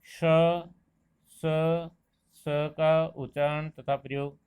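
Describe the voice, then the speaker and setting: A man teaching a Hindi grammar lesson, explaining pronunciation slowly and deliberately and drawing out each example word. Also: fairly high pitch, flat delivery, a little mellow, smooth. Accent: Rajasthani Hindi. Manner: slow, deliberate explanation, stretching out example words. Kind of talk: classroom lesson.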